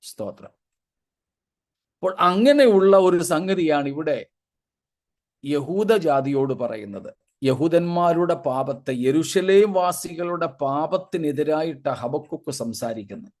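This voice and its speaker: A man's voice: on the high side, expressive, a little slow, darkish tone. A male pastor giving a Bible sermon, building long spoken lists and dropping in short 'praise God' asides.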